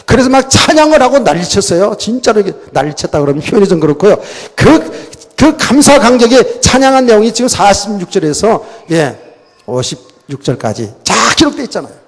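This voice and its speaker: A male pastor giving a sermon, dramatic and animated, dropping to quiet asides and then rising to loud exclamations. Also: high-pitched, a little fast. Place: church sanctuary. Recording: long church hall reverb.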